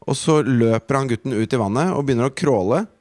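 A man's voice: medium pitch, a little mellow, no echo. A man, co-hosting a podcast and telling a story in an indignant, profane way. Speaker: podcast co-host. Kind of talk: casual chat.

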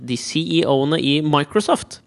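A man in casual chat, reacting with jokes and quick interjections. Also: a little high, animated, gravelly.

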